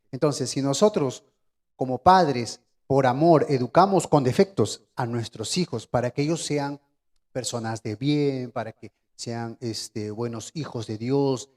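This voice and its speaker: A man's voice: medium pitch, darkish tone. A man giving an earnest Bible study comment, thinking aloud with hesitant fillers.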